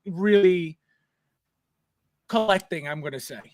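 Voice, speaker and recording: Host, high-voiced man from Colombia, Spanish-native, halting and chatty, dry close sound. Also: dry recording. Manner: halting, full of restarts. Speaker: podcast host. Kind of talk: casual podcast chat.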